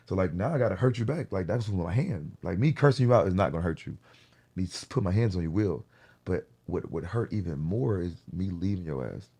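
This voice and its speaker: Deep gravelly man telling a profane story. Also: brisk. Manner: profane, slangy, animated storytelling. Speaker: podcast host. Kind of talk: casual podcast storytelling.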